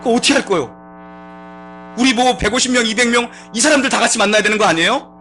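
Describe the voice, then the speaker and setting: A man preaching as pastor in a church, moving from chatty storytelling to loud, fervent exhortation. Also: very high-pitched, fast talker, faint music behind. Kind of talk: sermon with humorous anecdote. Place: church sanctuary.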